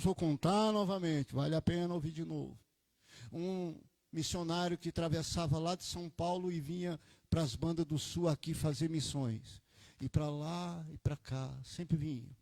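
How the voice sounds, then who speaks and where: Male pastor, high voice, animated storytelling sermon with swings from quiet to emphatic, dry close sound. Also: no room sound. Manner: animated preaching, swings from quiet asides to loud emphatic peaks. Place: church.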